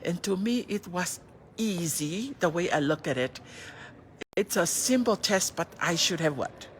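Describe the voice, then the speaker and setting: A middle-aged Tongan woman, a native Tongan speaker, hosts a phone livestream with an earnest motivational talk, speaking animatedly at a measured pace in a lowish voice. She often poses rhetorical questions and answers them herself, switching languages mid-sentence, with a little hiss or hum in the audio.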